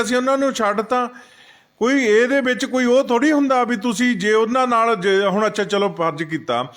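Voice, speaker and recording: A man's voice: high-pitched, fairly bright tone. Emphatic man. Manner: heated, emphatic, acts out what others say. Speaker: senior party leader, interviewee. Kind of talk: political interview.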